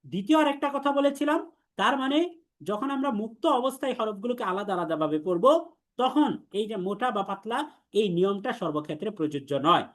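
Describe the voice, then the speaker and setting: Speaking quickly in a high, expressive and slightly bright voice, a man teaches Arabic letters for Quran study. He patiently explains each step with repetition and guides students through call-and-response drills.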